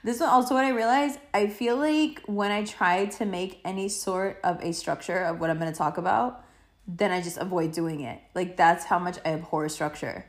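A woman hosting a podcast alone, chatting casually and loosely with playful slang, swearing and drawn-out emphasis. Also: lowish voice, steady tone. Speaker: podcast host. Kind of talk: casual rambling solo chat.

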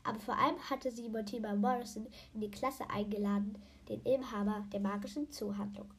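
A woman's voice: a little high, fairly even intonation, a little fast, slight background noise. A woman reading a children's book aloud for her podcast, often stumbling over words and correcting herself.

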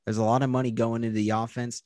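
A man's voice: medium pitch, flat delivery, fast talker, warm tone, no echo. A man hosting a sports talk show, running through news items and steering the talk. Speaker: host.

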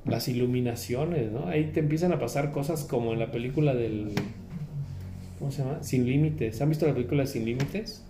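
A man's voice: medium pitch, brisk, reverberant, heavy background noise. A man giving an earnest spiritual talk to a group, repeating his key phrases. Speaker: spiritual speaker.

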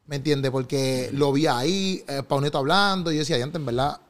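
A male interviewer, his voice set a little high for a man. He asks long, winding questions in a casual chat. He keeps stopping to check that he is understood. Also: fairly quick.

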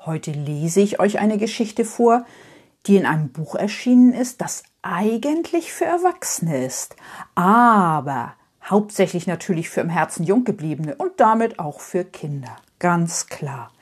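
A woman reading a children's story aloud, slow and deliberate. Her voice is breathy, the pitch swings widely, and she drops into whispers for emphasis. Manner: expressive, repetitive, whispered asides.

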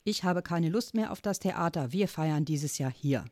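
A woman's voice: fairly low pitch, expressive, moderate pace, warm tone, no room sound, clean studio sound, lightly acted. A woman voicing an exasperated mother who is fed up with her own mother's Christmas fuss. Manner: exasperated, head-shaking.

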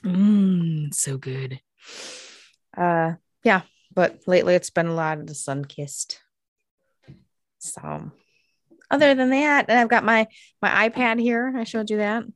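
A woman's voice: medium pitch, lively intonation, slow, long pauses, dry recording, studio quality. A woman co-hosting a podcast, chatting casually and rambling with lots of fillers from her craft room at home. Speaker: podcast co-host. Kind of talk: casual chat.

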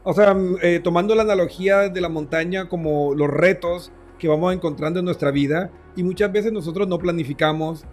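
A man's voice: sits high, steady tone, brisk, hardly any pauses, a little mellow, faint music behind. A man hosting a casual podcast conversation, speaking reflectively and hesitantly with fillers. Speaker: host.

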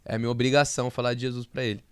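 A young Brazilian man on a podcast, telling a personal story in a slang-filled, animated way. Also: mid-range voice, very fast, clear, resonant tone. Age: young adult. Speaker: podcast guest. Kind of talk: casual storytelling.

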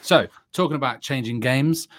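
A man's voice: medium pitch, normal speed, fairly bright tone. A man co-hosting a casual podcast, jokey and rambling, speaking into a desk microphone at home. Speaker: podcast co-host. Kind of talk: casual chat. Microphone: desk USB microphone.

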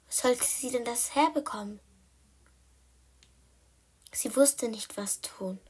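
A woman telling an improvised children's story in a soft, partly whispered way, with hesitations. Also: a little high, breathy edge.

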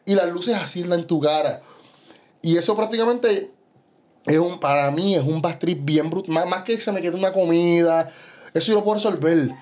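This man's voice is high and moderately paced. He's a young adult bodybuilder with a Puerto Rican Spanish accent, guesting on a casual podcast, where he tells stories with lots of energy and keeps saying "you know" and "¿sabes?"

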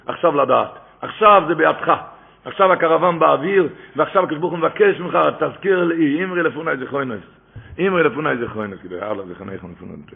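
Fiery man preaching over a tinny line. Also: vocal fry. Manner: swings between loud cries and low murmurs. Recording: tinny phone-like recording.

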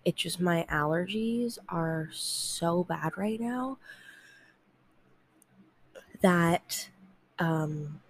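Talking extremely slowly with long pauses, a woman with a voice on the low side rambles through her casual solo podcast, full of ums. She sounds nasal from congestion, and there is slight background noise from a whirring fan.

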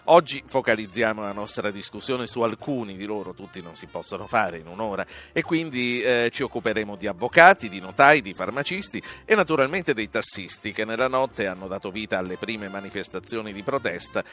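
A male radio host with a rather low voice presents live current affairs. Music plays faintly around his studio talk as he introduces and questions. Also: animated, fairly quick, hardly any pauses, a bit bright.

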